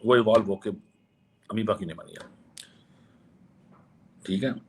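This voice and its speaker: A man's voice: lowish voice, unhurried, husky. A man with a sore throat, arguing a point in a questioning, challenging monologue that keeps returning to the same question. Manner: questioning, challenging, repeats himself. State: hoarse with a sore throat, clearing throat. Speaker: commentator rebutting atheists. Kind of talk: argumentative monologue.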